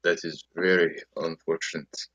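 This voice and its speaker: A weary, secretive priest who speaks gravely and quietly, as a man puts him on in a tabletop game. The voice is very low. He sounds troubled. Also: flat delivery, a little slow, rough recording. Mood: somber.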